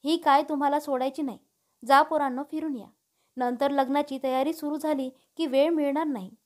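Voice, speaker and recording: A woman's voice: high-pitched, fairly even intonation, normal speed, darkish tone, natural voice. Genial middle-aged father, read by a woman. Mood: easygoing.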